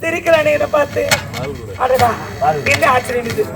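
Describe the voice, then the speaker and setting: A man in a street theatre troupe playing a tender young village woman about to marry, with a loud, declamatory stage delivery. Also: extremely high pitch, normal speed, creaky. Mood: soothing. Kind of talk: outdoor street theatre acting. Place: outdoor street stage with a crowd. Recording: noisy outdoor crowd recording.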